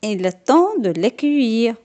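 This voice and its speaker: A woman narrating a children's storybook aloud in a slow, expressive, lilting way. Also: a little high.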